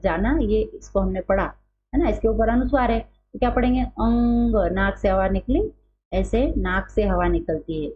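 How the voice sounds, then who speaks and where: A woman teaching grammar who keeps asking the class a question and then answering it herself, repeating each key term. Her voice sits at an ordinary pitch for a woman. The recording is a little dull and lo-fi, with a faint hum underneath. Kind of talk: Hindi grammar lesson, explaining at a board.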